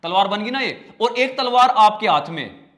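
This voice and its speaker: In an online exam-prep lesson, a high-pitched man with lively intonation and a fairly bright tone teaches English vocabulary. Playful and jokey, he calls his students "bhai" and "beta", brother and child, and drags out each spelling slowly, syllable by syllable.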